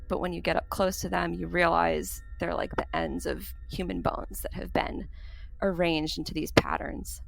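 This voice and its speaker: Gravelly-voiced woman telling a spooky story. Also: fairly low pitch, no echo. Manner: laughs often, relaxed telling. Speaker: podcast host, storyteller. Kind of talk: casual chat and storytelling. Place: bedroom at her parents' apartment.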